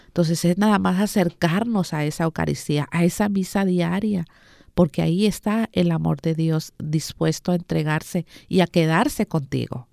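A woman speaks devotionally to listeners in a gentle, pastoral manner, often closing thoughts with a soft tag question. Her voice is low and mellow. The recording is dry and close. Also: normal speed, creaky, dry recording.

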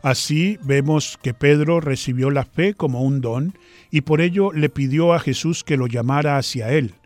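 A male radio preacher giving a formal, steady, prayerful reflection to listeners. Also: a little high, moderate pace, no room sound, faint music behind. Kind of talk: sermon-style reflection on radio.

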